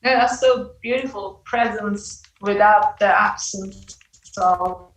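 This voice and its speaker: A woman speaking over a video call whose audio keeps breaking up, talking in a halting, apologetic way. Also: mid-range voice, fairly bright tone, echoey room, far from the mic, poor audio. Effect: choppy audio breaking up over a bad internet video call.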